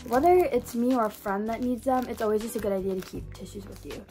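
A woman's voice: on the high side, quick pace, warm tone, soft background music. A young woman, a college student, chatting casually to her phone camera in a small dorm room, breezy and full of fillers. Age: young adult. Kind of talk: casual vlog talk to camera. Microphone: phone camera at arm's length.

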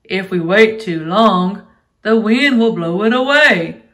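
A woman voicing a hardworking, worried storybook horse, urging and deliberate, as if reading to a toddler. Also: medium pitch, expressive, fairly bright tone.

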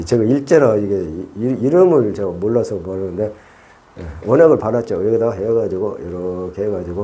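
A man's voice: on the low side, a little mellow. A middle-aged man hosting a casual hands-on gardening tutorial, chatty and repeating himself as he thinks aloud. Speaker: orchid-growing channel host.

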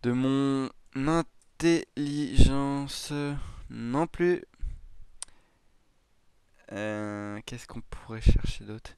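A gaming YouTuber offers casual let's-play commentary in a mid-range, slightly mellow, smooth voice, speaking extremely slowly with frequent pauses. Thinking aloud, he makes hesitant, self-deprecating remarks and chuckles often, in a dry recording.

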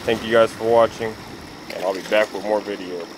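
A man's voice: lowish voice, a little fast, background noise. A man talking casually to his viewers while fishing at night on a rocky riverbank, recorded on a handheld phone. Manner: relaxed, chatty, talking to viewers while handling a fish. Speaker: fishing vlogger. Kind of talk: casual vlog narration.

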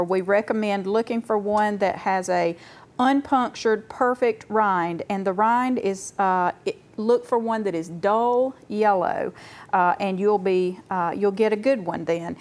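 A middle-aged woman guest cook on a TV studio kitchen set, explaining in a clear, measured way, on a lapel mic. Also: medium pitch, darkish tone. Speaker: guest cook, extension educator. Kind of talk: cooking demonstration.

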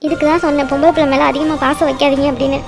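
A woman's voice: high-pitched, level tone, very fast, music in the background. A woman voicing a caring wife and mother in a cartoon, reassuring her husband. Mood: comforting. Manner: soothing, reassuring. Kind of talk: cartoon voice acting.

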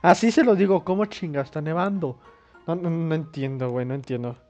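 A man's voice: on the high side, a little fast, mellow. A young Mexican man playing a video game, reading its dialogue aloud and cracking crude jokes with lots of swearing. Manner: crude, joking, swears a lot. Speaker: gaming YouTuber. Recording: dull lo-fi mic with faint game music.

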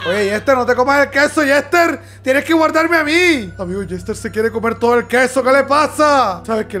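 A man narrates a video game to his audience in a high, light voice. He is excitable, shouts and laughs a lot, and addresses viewers directly. Soft game music plays quietly underneath. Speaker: gaming YouTuber. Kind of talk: let's-play commentary.

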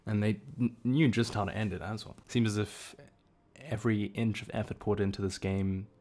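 A man's voice: on the low side, steady tone, normal speed, darkish tone. A man giving casual gameplay commentary, loose and chatty, drifting into reflective remarks. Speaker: gaming channel host.

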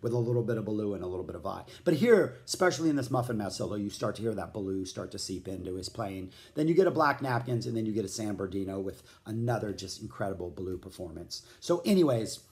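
A man's voice: fairly low pitch, animated, fast talker, few pauses. A man giving a casual spoken album review, rambling and enthusiastic, with lots of "like" fillers, scatting riffs aloud and mentioning he feels hot. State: feeling hot. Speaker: music vlogger reviewing albums.

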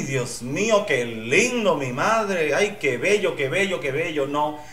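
A man's voice: on the high side, fairly bright tone. A man giving flamboyant, bawdy reaction commentary as a drag queen vlogger, gushing and breaking into shrieking outbursts. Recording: echoey room, mic at a distance, faint music.

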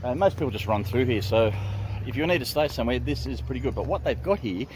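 A man's voice: mid-range voice, expressive, fast talker, background noise. A middle-aged Australian man chatting casually on a road-trip vlog, rambling with lots of ums and restarts, filmed on a handheld camera at arm's length outside in a small town. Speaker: vlogger. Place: outdoors in a small country town street.

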